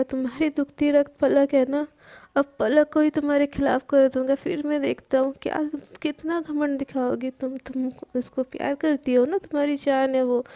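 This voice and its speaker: A woman's voice: high-pitched, gravelly, dark tone. A woman voicing an arrogant, menacing young man who taunts and threatens, pushing each line with a challenging "haan?".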